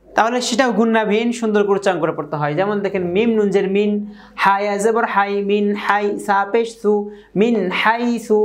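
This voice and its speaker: A woman teaching Quran reading at a whiteboard. She spells out syllables slowly, repeats each example, and often checks in with her viewers. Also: medium pitch. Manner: checks in with listeners by asking "okay?"; addresses viewers formally. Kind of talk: whiteboard lesson.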